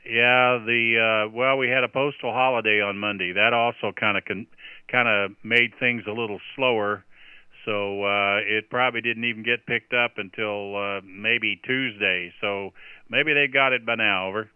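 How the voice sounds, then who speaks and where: A man's voice: lowish voice, fairly even intonation, moderate pace, clear, resonant tone, dry recording. A man working as a radio net controller, calling stations with phonetic call signs like a marine radio operator and chatting informally between calls over a two-way radio. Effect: two-way radio transmission. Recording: narrow phone-like radio audio, dry.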